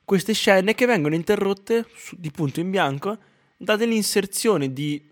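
A man's voice: high-pitched, lively intonation, unhurried. A man co-hosting a casual film review chat, explaining in long rambling sentences with frequent restarts.

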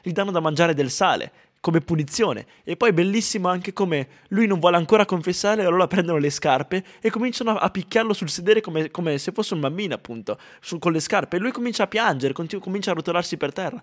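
A man's voice: high voice, lively intonation, quick pace, hardly any pauses. A man co-hosting a casual film review chat, explaining in long rambling sentences with frequent restarts.

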